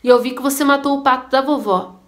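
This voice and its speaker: A woman's voice: sits high, fast talker, close to an everyday voice. A woman voicing a bossy little girl who threatens and demands.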